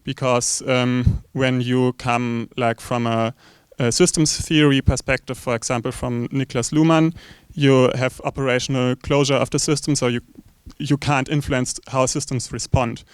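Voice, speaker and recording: A man from Germany with a German accent, posing a spontaneous academic question in halting, searching phrases. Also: mid-range voice, flat delivery, clean tone, no echo. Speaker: audience questioner.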